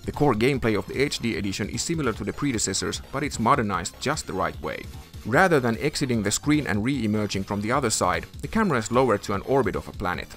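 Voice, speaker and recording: A man's voice: fairly low pitch, expressive, fast talker, fairly bright tone. A man reading scripted documentary narration as a video narrator. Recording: music under the voice. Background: background music.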